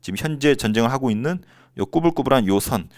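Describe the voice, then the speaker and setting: A man teaching a high school history lesson in a casual, joking way, with teasing asides and short acted-out quotes. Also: animated, fast, darkish tone, no room sound, clean studio sound. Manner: playfully acts out short quotes. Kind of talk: lively casual lecture.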